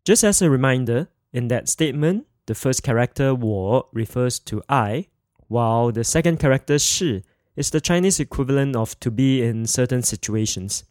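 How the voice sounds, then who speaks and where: A man's voice: mid-range voice, animated, darkish tone, dry recording, studio quality. Man teaching a podcast language lesson. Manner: slow, clear, repeats words for learners. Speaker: Mandarin teacher.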